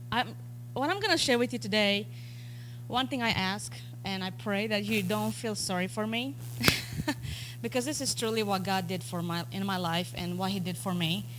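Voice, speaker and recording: A woman's voice: medium pitch, moderate pace. Romanian-accented woman sharing her testimony. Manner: earnest storytelling with frequent ums. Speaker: guest speaker. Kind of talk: personal testimony talk.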